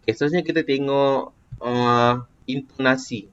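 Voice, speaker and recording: A man's voice: mid-range voice, steady tone, normal speed, fairly bright tone, a little hiss or hum. A man with a Malaysian Malay accent teaching a casual lesson, explaining patiently and quizzing a student. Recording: dull lo-fi recording.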